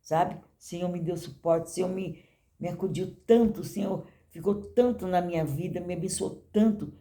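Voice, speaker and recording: Dark-voiced older woman giving church testimony. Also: lowish voice, normal speed. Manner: conversational, addresses the congregation as brothers and keeps asking "you know?".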